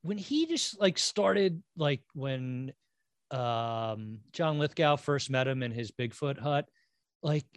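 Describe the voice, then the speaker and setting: A man's voice: mid-range voice, lively intonation, slow pace, no echo. Man, casual movie chat, rambling, self-deprecating, dry close sound.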